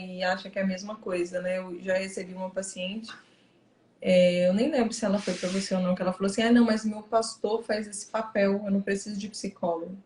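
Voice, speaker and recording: Woman, Brazilian accent, emphatic, animated, echoey room. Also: medium pitch, slight background noise. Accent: Brazilian Portuguese. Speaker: psychologist. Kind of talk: casual conversation.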